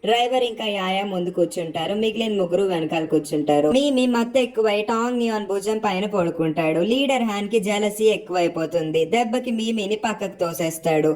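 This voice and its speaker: A woman narrating and retelling a drama episode in a brisk storytelling manner. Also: mid-range voice, darkish tone.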